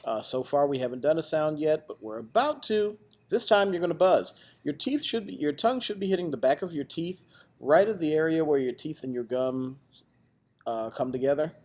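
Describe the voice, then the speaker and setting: A man's voice: on the high side, lively intonation, normal speed, darkish tone. A man, a music teacher, giving a direct step-by-step trumpet lesson to students on video. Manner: patient, direct, counts aloud with students.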